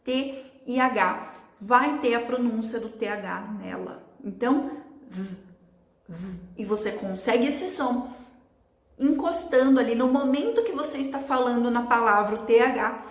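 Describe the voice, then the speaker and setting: A woman's voice: fairly high pitch, roomy sound. A Brazilian woman teaching English online, explaining step by step and checking in with her listeners.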